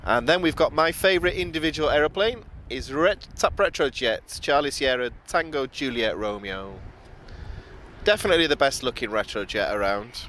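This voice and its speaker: Medium-pitched and sharp-toned, this British host of a plane-spotting stream talks at a normal speed in an animated, casual way. He's outdoors near an airport, with planes, vehicles and urban sounds audible behind him.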